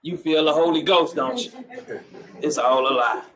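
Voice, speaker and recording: Commanding high-voiced street preacher man. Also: normal speed, fairly bright tone, low-quality recording. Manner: commanding, mocking, calls for the next verse. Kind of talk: street preaching with scripture reading.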